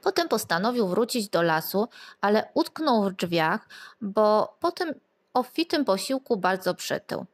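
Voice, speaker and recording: Lively woman reading a children's story. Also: medium pitch, a little slow. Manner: expressive, lilting, asks listeners questions.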